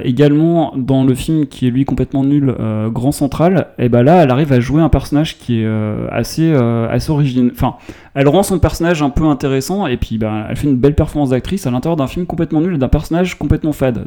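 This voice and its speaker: A man co-hosting a casual film review chat, blunt and opinionated, often pausing with fillers. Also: mid-range voice, dark tone. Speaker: film podcast co-host.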